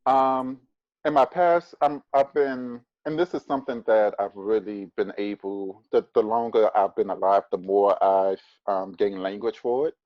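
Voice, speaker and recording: Calling in on a video call from his phone at home, a man in his thirties from the US speaks in a lowish, fairly even voice, a little slowly and without echo. As a guest in a candid podcast interview he is blunt and emphatic, swearing and firing back sarcastically, and the audio comes across dry and a touch dull.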